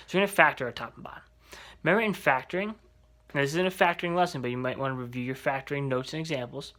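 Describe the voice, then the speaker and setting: A man's voice: mid-range voice, bright, forceful tone. A man teaching an algebra lesson, explaining step by step and checking in with rhetorical questions. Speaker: math teacher.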